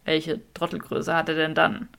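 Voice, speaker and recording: A woman reading a smug, flirtatious wizard man who teases his rival, in a slow, drawling manner. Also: low voice, monotone, vocal fry, a bit bright, clean tone, voice pushed down.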